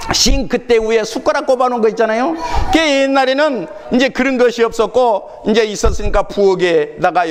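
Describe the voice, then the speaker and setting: A man with a Jeolla accent preaching from the pulpit, his voice high-pitched and swinging widely in pitch as he jokes and questions the congregation. The sound carries a long church-hall reverb over a faint hiss. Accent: Jeolla dialect. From Jeolla region, Korea. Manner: animated storytelling, quizzing the congregation and laughing along. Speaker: pastor. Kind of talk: sermon. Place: church sanctuary.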